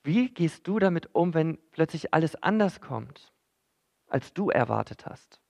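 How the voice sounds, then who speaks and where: Higher-voiced man preaching a sermon. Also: very animated, a little slow, gravelly, darkish tone. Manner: conversational, addresses listeners directly, frequent fillers.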